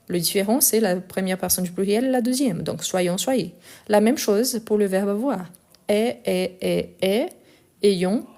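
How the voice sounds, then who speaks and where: Woman French teacher with a Lyon accent, live-stream grammar lesson, mellow and warm, deliberate and explanatory. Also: medium pitch. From France and Brazil. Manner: explanatory, repeats forms slowly, gets indignant answering critics.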